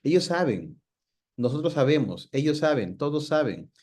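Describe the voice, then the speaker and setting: The host, a man from Peru, sounds very animated, with a slightly high, darkish voice at a moderate pace. In this casual talk he reflects aloud, asks what the guest thinks, and uses plenty of fillers.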